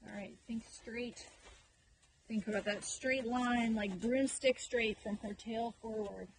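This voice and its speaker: A woman with a somewhat high voice coaches a horse rider mid-lesson. She gives brisk, projected commands in short, repeated phrases. Faint ambient noise surrounds her, and the voice can sound a little distant. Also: steady tone. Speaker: horse riding instructor. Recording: noisy ambience, voice sometimes distant.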